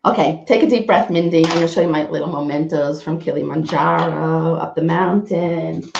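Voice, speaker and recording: A woman's voice: sits low, fairly even intonation, normal speed, vocal fry, reverberant, dull audio, noisy background. A woman presenting a webinar, telling a personal story in an earnest way, often restarting her sentences. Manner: earnest, self-interrupting storytelling with frequent restarts. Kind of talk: personal story and health talk.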